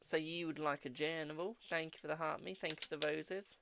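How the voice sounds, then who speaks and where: A British fortune teller with a gravelly, creaky voice gives tarot readings on a live stream. The talk is casual and familiar, full of darlings, over a noisy, clicky background. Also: mid-range voice, steady tone, brisk.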